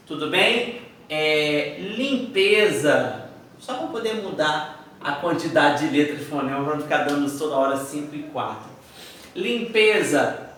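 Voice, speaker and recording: A man's voice: sits high, fairly bright tone, far from the mic, slight background noise. Man teaching phonetics in an echoey room. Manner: spells out words slowly, counting letters aloud; asks himself students' questions. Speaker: Portuguese teacher. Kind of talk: video lesson explaining phonetics.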